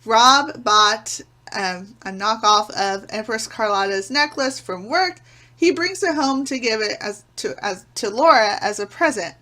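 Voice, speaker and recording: A woman presents a countdown review as a YouTube host. Her voice sits fairly high and has a bright, forceful edge. She sounds enthusiastic about her subject. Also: animated, measured pace. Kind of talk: scripted countdown review to camera.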